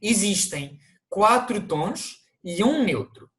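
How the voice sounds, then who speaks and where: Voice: mid-range voice, sing-song, slow pace, a bit bright. European portuguese accent, online lesson narration, explanatory, talks to viewers. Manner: explanatory, addressing viewers, occasional restarts. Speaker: language teacher.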